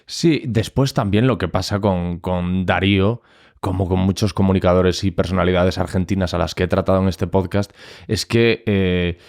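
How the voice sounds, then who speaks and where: Low smooth-voiced male podcast host. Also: steady tone, darkish tone, no room sound, studio quality. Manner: measured, thinks aloud with fillers. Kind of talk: conversational interview.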